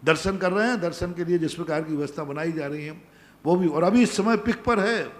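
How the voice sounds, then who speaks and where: A man's voice: a little high, brisk, in a large hall. A male Jain monk giving a sermon, emphatic, repeating his commands to the devotees. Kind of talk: sermon answering devotees' questions. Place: large pandal, nearly empty.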